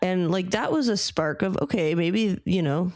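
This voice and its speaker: A woman co-hosting a casual sports podcast, talking in a measured, thoughtful way with a few fillers. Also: on the low side, darkish tone, dry recording. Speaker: podcast co-host.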